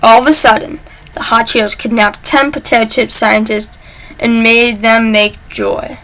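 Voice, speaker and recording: A woman's voice: on the high side, fairly even intonation, normal speed, a bit bright, low-quality recording. A woman casually telling a made-up story, chatty and stumbling over words as she goes. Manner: chatty, stumbles and restarts mid-word.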